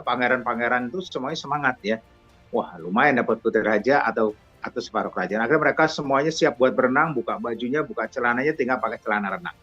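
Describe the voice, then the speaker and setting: A man telling a motivational story to a business audience, acting out the characters' voices and sound effects with lively energy. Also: mid-range voice, highs cut off. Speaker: motivational speaker.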